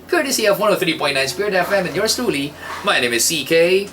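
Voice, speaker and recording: A young adult man with a Filipino accent hosting a casual radio trivia segment, playful and animated, mixing English into his Tagalog. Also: high-pitched, brisk. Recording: slightly distant mic, faint hiss.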